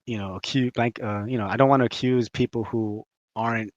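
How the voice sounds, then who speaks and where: A man's voice: medium pitch, steady tone, a little fast, dry recording. A man co-hosting a gaming podcast, chatting casually and choosing his words hesitantly. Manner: hesitant, careful wording. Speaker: podcast co-host. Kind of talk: casual chat. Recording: dull, dry lo-fi audio.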